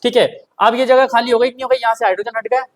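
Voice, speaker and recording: A male chemistry teacher with a Hindi accent lectures and dictates notes, his voice extremely high and his tone steady. He keeps putting questions to the class and answering them himself, slowly repeating the key terms.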